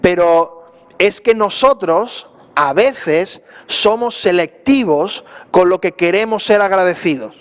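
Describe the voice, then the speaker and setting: A man preaching a Sunday sermon as pastor, conversational and lively, often asking the congregation questions and acting out little asides. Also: high-pitched, takes it slowly. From Spain.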